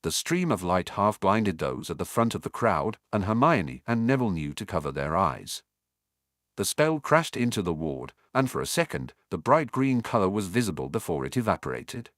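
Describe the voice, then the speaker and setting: A man narrating a fan fiction audiobook with expressive storytelling. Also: low voice, moderate pace, no room sound, clean studio sound.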